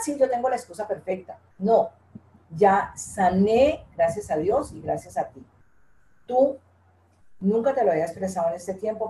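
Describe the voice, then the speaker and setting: A woman's voice: mid-range voice, warm tone. Earnest older woman in an echoey room. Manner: earnest, repeats phrases, heartfelt. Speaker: guest, interviewee's mother. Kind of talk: emotional interview talk.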